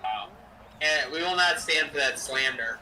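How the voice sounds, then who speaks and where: Sharp, bright young man calling plays. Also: mid-range voice, animated, a little slow, far from the mic, slight background noise, rough recording. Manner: chatty, jokey, drops game calls between stories. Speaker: co-host of a game-sim stream. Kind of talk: casual chat and play-by-play over a simulated football game.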